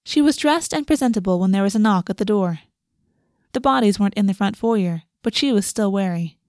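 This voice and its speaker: A woman's voice: medium pitch, expressive, fairly quick, a little mellow, no room sound, studio quality. A woman reading scripted fantasy fiction as an audiobook narrator.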